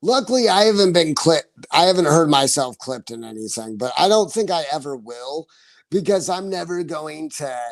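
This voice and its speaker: A man's voice: a little high, lively intonation, moderate pace, no echo. A man in his forties chatting casually on his livestream, rambling, laughing often and swearing freely. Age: 40s. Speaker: livestream host.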